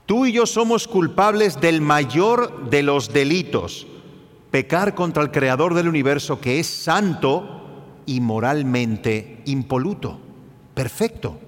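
Male preacher, lively pitch, slightly high voice, sermon in a church hall, long echoing reverb. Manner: animated, acts out the cries of the story.

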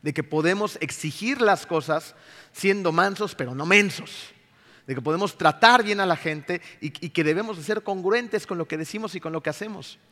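A middle-aged man with a Mexican accent, a pastor telling a personal story in a sermon, animated and acting out his own outbursts. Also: high voice, moderate pace, in a large hall. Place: church.

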